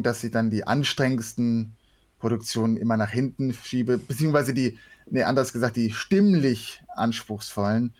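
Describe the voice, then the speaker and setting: This is a man with a medium-pitched, slightly dark voice, an actor and voice actor who is a guest answering interview questions in a relaxed, casual way.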